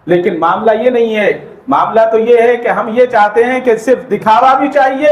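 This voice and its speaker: High-voiced man preaching in an echoey hall. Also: lo-fi sound. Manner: animated, swings from raised to hushed delivery. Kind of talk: sermon with storytelling. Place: mosque gathering hall.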